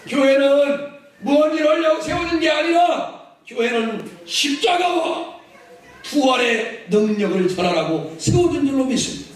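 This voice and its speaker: A man preaching a lively sermon, leading the congregation in call-and-response and shouting for emphasis. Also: very high-pitched. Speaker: pastor. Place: large church hall. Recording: echoey hall, mic from a distance, noisy.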